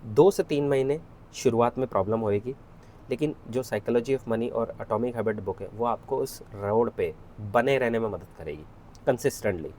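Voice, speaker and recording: A man's voice: medium pitch, a little mellow, slight background noise. A man explaining how to research company stocks in a casual screen-share tutorial, talking conversationally and often checking in with "ठीक है". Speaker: equity research educator.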